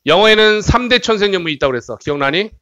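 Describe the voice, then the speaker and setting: A man's voice: sits high, animated, rapid-fire, sharp tone, no echo, lo-fi sound. A man teaching English grammar at a cram school, reading English sentences aloud and translating them while checking students with tag questions. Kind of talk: exam-prep grammar lecture.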